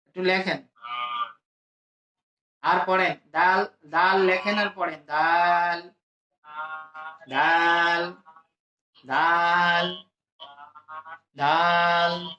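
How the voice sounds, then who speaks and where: A man teaching adults to read the Quran, drawing out each letter slowly for his students to repeat. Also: high-pitched, fairly even intonation, bright, forceful tone, reverberant, muffled recording, faint music behind. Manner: slow, drawn-out letter drills for students to repeat. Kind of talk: adult Quran reading lesson.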